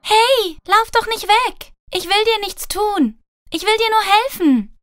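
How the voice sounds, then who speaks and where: A woman's voice: very high voice, lively intonation, measured pace, no room sound, clean studio sound, voice pushed up. A woman voicing a sweet, eager little girl in a children's fairy tale, with a pleading, exclamatory, childlike manner. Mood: calling out.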